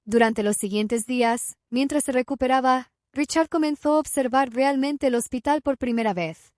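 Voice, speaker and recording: High-voiced woman narrating a story. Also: moderate pace, darkish tone, no room sound, studio quality.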